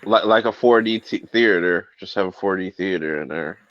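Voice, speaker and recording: A man's voice: low voice, normal speed. A man on a live stream panel, chatting and joking casually over slightly dull audio.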